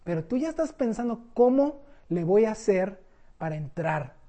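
Husky-voiced woman preaching. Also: mid-range voice, normal speed. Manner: conversational, animated storytelling. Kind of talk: sermon.

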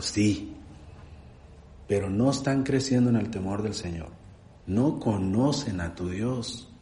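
A middle-aged man preaches in a church with a low, mellow voice. He exhorts the congregation earnestly and in a fatherly way, pausing often, and his voice rings with roomy echo. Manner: earnest, fatherly, with frequent pauses and fillers. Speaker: church speaker. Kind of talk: sermon exhortation closing in prayer.

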